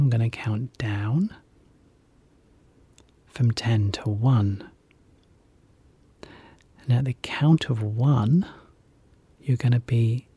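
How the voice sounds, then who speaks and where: A relaxation guide leading a guided hypnosis session in a soft, soothing whisper, repeating gentle calming phrases. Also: medium pitch, breathy edge, dry recording.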